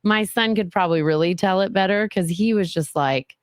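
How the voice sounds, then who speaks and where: Woman telling a lively story. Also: medium pitch, brisk, no echo, clean studio sound. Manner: animated storyteller acting out quotes. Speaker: podcast co-host. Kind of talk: casual chat.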